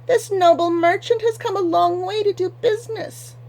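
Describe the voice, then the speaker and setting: A woman's voice: very high-pitched, moderate pace, vocal fry, darkish tone, voice pushed up. Storybook read-aloud: woman reading as a piercing, whiny farm girl, greedy and pushy. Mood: shrill pleading. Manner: snapping, wailing. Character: shrill young farmer's daughter, greedy and pushy.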